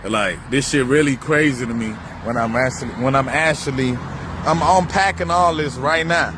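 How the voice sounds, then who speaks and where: Faint passing traffic can be heard as a man, a vlogger, talks beside a busy road in a mid-range voice at normal speed. He rambles and swears, reflecting on spirituality and circling back to the same points as his thoughts wander.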